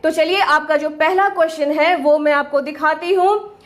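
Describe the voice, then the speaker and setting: A woman teaching an online English class, mixing Hindi and English and slowing down to spell out English sentences. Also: high voice, fairly bright tone. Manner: mixes Hindi with English phrases, slows down sharply on English sentences.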